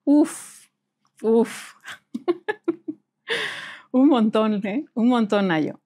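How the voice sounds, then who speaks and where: A woman, a spiritual healer guest in an interview, telling stories lively and acting out the dialogue. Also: fairly high pitch, very slow. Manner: lively, acts out dialogue in quoted voices, laughs often. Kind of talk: storytelling in an interview.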